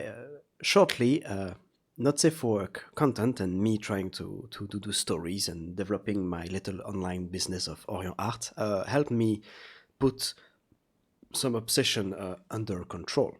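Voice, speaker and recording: Low-voiced, halting man with a slightly sore throat. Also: husky. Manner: halting, searching for words. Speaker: vlogger, artist. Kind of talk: casual confessional vlog monologue.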